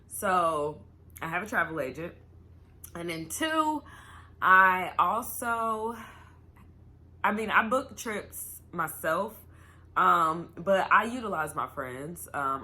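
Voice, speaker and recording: A woman's voice: fairly low pitch, bright, forceful tone. A young woman from North Carolina, chatting casually to viewers as a vlogger in a tipsy, giggly, rambling way. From North Carolina, United States. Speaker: YouTuber host.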